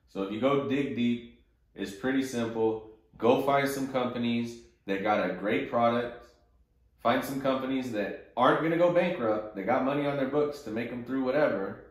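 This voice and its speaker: Hosting an investing conference call, a man offers off-the-cuff, opinionated market commentary in blunt, coarse everyday language. His pitch is medium, and the recording sounds very roomy and echoey.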